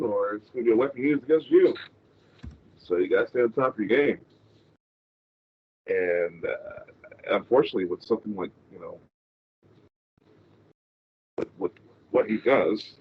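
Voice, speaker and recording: A man's voice: mid-range voice, husky. A man calling in remotely over a bad connection that keeps breaking up, talking in a loose, rambling way with many fillers. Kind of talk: casual online chat. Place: home, with others streaming nearby. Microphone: remote call mic. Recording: tinny call line with faint noise.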